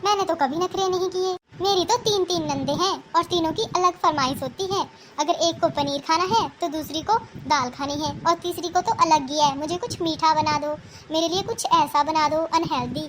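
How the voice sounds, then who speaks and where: Woman voicing a spoiled cartoon daughter, whiny and demanding, very high pitch. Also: moderate pace, hardly any pauses, background noise. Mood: complaining. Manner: petulant, complaining. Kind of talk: cartoon voice acting.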